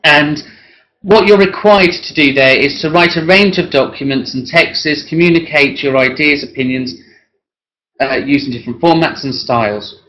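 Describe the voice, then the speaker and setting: A work-based assessor who is hoarse and losing his voice talks through an assessment plan one-to-one, in a fairly high, bright, forceful voice. He clears his throat often, speaks haltingly and uses lots of tag questions. The recording is dull and lo-fi.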